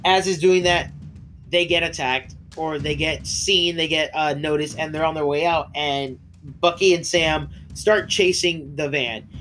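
A man with a slightly high voice talks through a show's plot in a loose, rambling way. He restarts sentences often, laughs at the scenes he describes, and coughs as his voice breaks. Faint music plays underneath. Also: fairly even intonation, a little slow, a bit bright. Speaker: podcast co-host. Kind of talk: casual recap chat.

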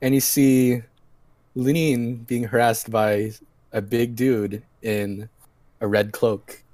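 A man's voice: medium pitch, takes it slowly, dry recording. Man narrating as game master. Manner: relaxed narration broken by laughter.

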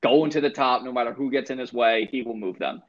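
A man's voice: medium pitch, a little fast, muffled recording. A man in casual chat, animatedly retelling a film plot with emphatic recaps.

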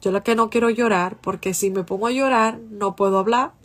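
A woman's voice: medium pitch, brisk, fairly bright tone. A woman hosting a casual livestream, speaking passionately and emphatically while addressing her viewers directly and answering their comments. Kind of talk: casual live chat.

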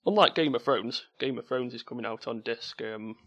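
A man hosts an informal gaming podcast in a Stoke-on-Trent accent. His voice sits at a middling pitch, and his delivery is that of a chatty presenter. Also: normal speed, bright, forceful tone. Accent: Stoke-on-Trent Potteries. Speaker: stand-in podcast host.

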